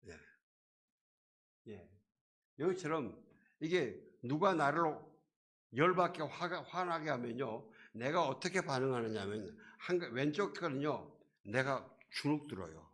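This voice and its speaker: A man pastor preaching a sermon in a church, swinging between quiet and loud and briefly acting out the voices of a crowd and a beggar. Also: mid-range voice, expressive, a little slow. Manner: acts out crowd and beggar voices, rising and falling loudness. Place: church sanctuary.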